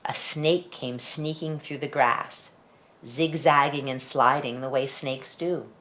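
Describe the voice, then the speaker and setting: A storybook reader with a deep, low-pitched female voice reads slowly from a picture book for young children. Her delivery is that of expressive storytelling.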